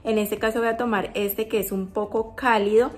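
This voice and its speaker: A woman's voice: a little high, steady tone, normal speed. A woman vlogger talking through a makeup tutorial, chatty and explaining each step as she goes.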